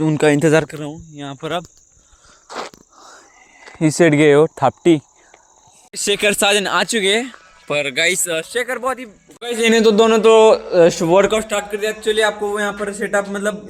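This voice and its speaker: A young adult man with a high-pitched, slightly bright voice chats through his daily vlog, rambling and restarting sentences and often saying "matlab" and "guys." He records on a handheld phone outdoors, around his village home and the roadside.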